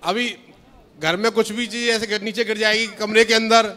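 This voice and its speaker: A man's voice: high-pitched, fairly even intonation, normal speed, bright, forceful tone. A man from the audience explaining a household grievance in a complaining tone. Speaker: audience member asking a question. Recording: reverberant hall.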